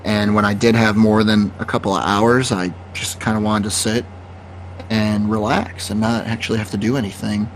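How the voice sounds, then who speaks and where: A man co-hosting a podcast, chatting in a relaxed, rambling way about his plans. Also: lowish voice, moderate pace, slight background noise. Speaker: podcast co-host. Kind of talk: casual podcast chat.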